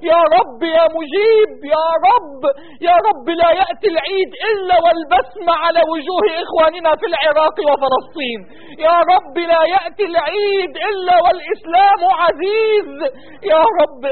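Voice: very high voice, a little fast. A prayer leader chanting a tearful supplication, pleading in repeated calls, voice breaking into crying. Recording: tinny phone-like recording.

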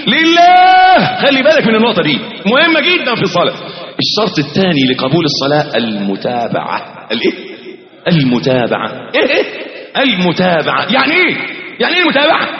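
High, lively Egyptian preacher in an echoey hall. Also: male voice, quick pace. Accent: Egyptian Arabic. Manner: animated preaching with rhetorical questions and acted-out dialogues. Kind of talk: sermon. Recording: echoey hall, dull lo-fi sound.

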